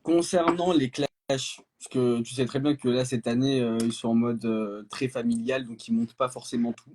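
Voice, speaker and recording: A man hosts a casual live stream, asking relaxed questions in slang. His voice sits at an ordinary middle pitch. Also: normal speed, noisy background.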